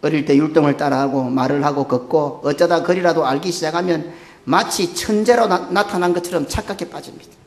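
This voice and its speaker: A male pastor with a Busan Gyeongsang accent delivers a sermon in a fairly high voice. He moves between low, earnest stretches and loud, excited bursts. The sound rings through an echoey church sanctuary. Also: a little fast.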